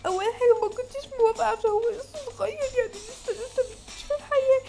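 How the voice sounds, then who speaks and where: A frantic game mother with an Egyptian accent, wailing in a voice pitched far above her own. She sobs and shrieks loudly over a lost grown son, nearly hysterical. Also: racing, vocal fry, over music. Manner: wailing, sobbing, shrill and loud.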